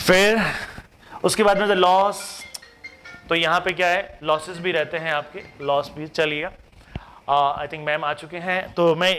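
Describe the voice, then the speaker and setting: A man teaching a tax class, lively and chatty, mixing Hindi with English terms and answering his own rhetorical questions. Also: a little high, a little hiss or hum. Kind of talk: classroom lecture.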